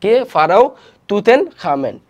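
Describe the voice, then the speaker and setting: A man's voice: sits high, big pitch swings, a little slow, dull audio. A young man teaching an online history class, walking through slides and posing questions he then answers himself. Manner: explains slides step by step, asks and answers own questions; many fillers and restarts.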